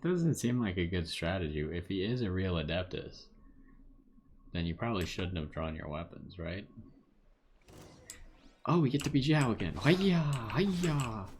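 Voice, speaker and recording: A man's voice: sits low, very animated, normal speed, pauses often, a little hiss or hum. A man streaming a video game and giving laid-back commentary with wry asides. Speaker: gaming streamer. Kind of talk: casual gameplay commentary.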